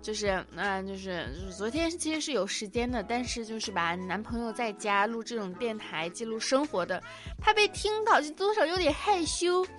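A bright, higher-voiced young woman chats through a cozy home podcast, giggly and self-mocking. Soft music plays faintly beneath her voice. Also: animated, moderate pace. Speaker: podcast host. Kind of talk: casual personal radio chat.

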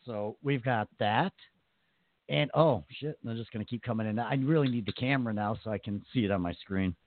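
A man's voice: medium pitch, fairly quick, slight background noise. A man hosting a podcast in casual chat, joking crudely about fans and reading viewer comments. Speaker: podcast host. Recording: dry, phone-like sound.

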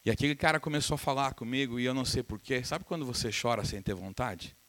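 A man's voice: medium pitch, quick pace. A middle-aged man from Brazil preaching a sermon as pastor, telling stories and acting out the voices of the people in them. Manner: animated, acts out quoted voices, laughs with the congregation. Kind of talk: sermon with storytelling.

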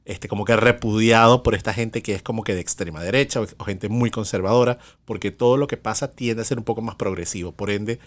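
Guy cohosting a podcast, kinda low voice, rambles and restarts a lot. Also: quick pace, hardly any pauses. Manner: chatty, digressive, hesitant restarts. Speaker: podcast co-host. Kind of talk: casual podcast chat.

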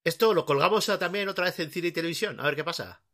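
A man from co-hosting a casual reaction chat, commenting excitably play by play. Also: on the high side, fast talker. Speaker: co-host.

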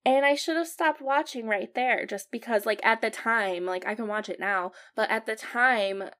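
A woman's voice: moderate pace, a bit bright. Candid, emotional young woman podcaster. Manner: emotional, frank, swears, many "like" fillers, acts out film lines in a higher voice. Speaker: podcast host. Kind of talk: casual solo podcast monologue.

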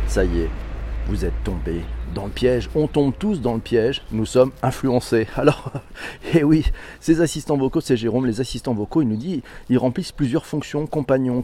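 A man hosting a podcast, chatting casually, greeting listeners and reading out their messages with animated, frequent laughter. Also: mid-range voice. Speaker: podcast host.

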